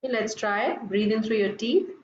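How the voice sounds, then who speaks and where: Female yoga instructor, soft soothing unhurried delivery, guided breathing; roomy, slightly muffled recording. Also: on the high side. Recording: echoey room, dull lo-fi, faint noise.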